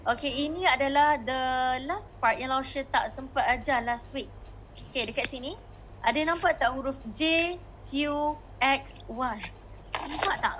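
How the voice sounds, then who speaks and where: High-voiced Malaysian woman teaching Mandarin. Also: a little slow, background noise. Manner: code-switching, coaxing students, modeling tones. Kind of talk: online class teaching.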